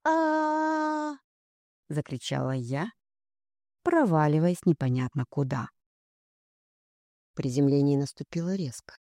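An audiobook reader tells a first-person story in measured, scripted narration. The tone is dark and mellow, and the recording is close and dry with no room sound. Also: mid-range voice, expressive, no echo.

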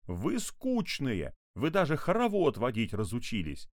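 A spoiled, self-important fir tree speaks in a smooth baritone, complaining and making demands, as a man reads it out. The lines swing widely in pitch with a haughty lift. It sits close and dry, like a storybook read at the mic. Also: expressive, slow pace, darkish tone, dry recording, exaggerated voice. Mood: indignant. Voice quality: pleasant baritone. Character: pompous diva fir tree, baritone-voiced.

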